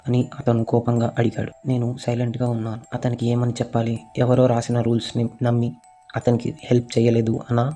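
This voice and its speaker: A man narrating a first-person horror story in a steady, monotone voice. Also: mid-range voice, brisk, soft background music.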